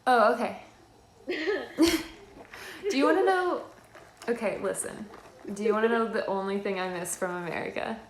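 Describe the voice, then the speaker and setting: A woman's voice: on the high side, moderate pace, pauses often, a little hiss or hum, lightly acted. A woman playing a mischievous teenage girl hero student, rambling and teasing with lots of laughter in live cosplay role-play over a call. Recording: echoey live video call.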